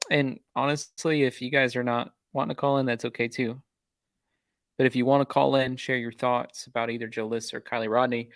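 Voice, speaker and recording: A man's voice: mid-range voice, gravelly, a bit bright, no room sound, studio quality. A man hosting a casual livestream, telling a rambling, exasperated story with many restarts. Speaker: YouTube true-crime channel host.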